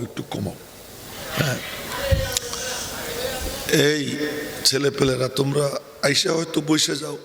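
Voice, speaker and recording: A man's voice: fairly high pitch, fairly bright tone. An older man, preaching an open-air sermon to a crowd, chatty and teasing with asides. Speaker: preacher at a religious gathering. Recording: long hall echo, faint ambient noise.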